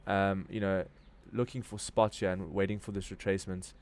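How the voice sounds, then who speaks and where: A South African man from Durban hosts a crypto trading livestream, offering casual, slangy market commentary as he thinks aloud. His voice is low-pitched and a little mellow, with a flat delivery at a moderate pace.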